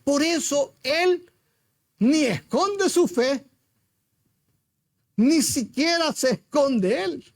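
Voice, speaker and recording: A man's voice: extremely high pitch, no room sound, clean studio sound. A man preaching a sermon as pastor, retelling a story with emphasis and rhetorical questions to his congregation.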